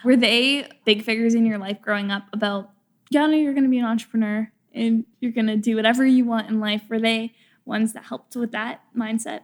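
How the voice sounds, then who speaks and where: A woman's voice: on the high side, steady tone, fairly quick. Enthusiastic, chatty Canadian-born woman host. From small town in Canada. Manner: enthusiastic, chatty, says "like" a lot. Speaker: podcast host. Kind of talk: podcast interview.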